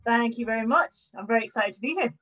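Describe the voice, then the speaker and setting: A woman's voice: on the high side, fast, fairly bright tone, soft background music. Dull lo-fi recording, young woman, southern English accent, casual storyteller, chatty and self-deprecating. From Buckinghamshire, England. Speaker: podcast guest, historian. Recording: dull, band-limited audio.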